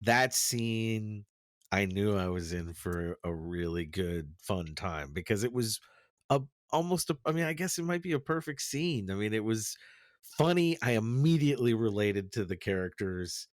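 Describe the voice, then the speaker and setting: A man's voice: on the low side, lively intonation, moderate pace, dry recording, clean studio sound. A man chatting casually about a film on a podcast, rambling and restarting his sentences, often laughing as he tells a story. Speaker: podcast co-host. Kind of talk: casual movie chat.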